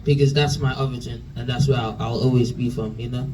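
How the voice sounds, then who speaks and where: A young man, a mentee, nervously tells a personal story to an audience in a room, his mid-range voice brisk with fairly even intonation. He's chatty, with lots of fillers and restarts. The mic sits across the room, picking up faint room noise.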